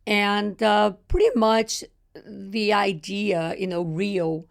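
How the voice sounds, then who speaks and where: A middle-aged Brazilian woman with a Brazilian accent chats unhurriedly as a podcast guest in casual conversation, sometimes phrasing things like a non-native speaker. Her mid-range voice is flat and slow, with vocal fry.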